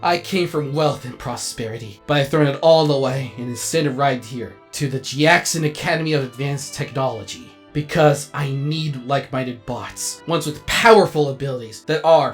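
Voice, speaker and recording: For a comedic animated comic dub, a man plays a vain, melodramatic robot who is both actor and director, delivering his lines in an excitable, grandiose way. His pitch is fairly high and close to an everyday voice.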